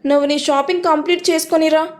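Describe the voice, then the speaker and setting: A worn-out young man dragged along on a shopping trip, complaining and pleading, as a woman narrator voices him. The voice stays high and light rather than deep. A spoken romance story. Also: steady tone, fast, darkish tone, natural voice. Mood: weary complaining. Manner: weary complaining, then romantic. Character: tired, fond young man, playful fiancé.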